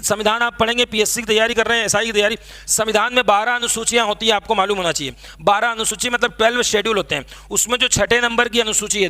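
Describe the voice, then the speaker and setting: High bright-voiced male teacher. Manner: drills students with call-and-response repetition; talks while drawing on a map. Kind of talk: classroom lecture.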